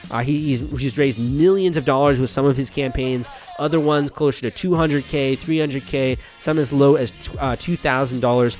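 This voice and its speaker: A man's voice: mid-range voice, moderate pace, few pauses, darkish tone, soft background music. A young American man hosting a podcast, talking in a friendly, chatty way with frequent restarts. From United States. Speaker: podcast host. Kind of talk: casual podcast monologue.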